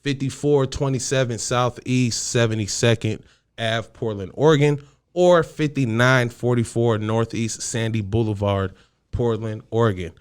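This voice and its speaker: Blunt, profane male podcast host, mid-pitched, speaking in a studio. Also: fairly even intonation, clear, resonant tone. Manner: profane, blunt, reads sponsor list quickly. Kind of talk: casual podcast chat.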